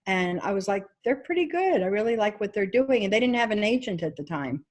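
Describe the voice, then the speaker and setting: Woman casting director with a New York accent, animated and chatty, interview guest. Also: medium pitch, fairly quick. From Egypt. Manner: animated, laughs often, quotes herself. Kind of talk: casual interview chat.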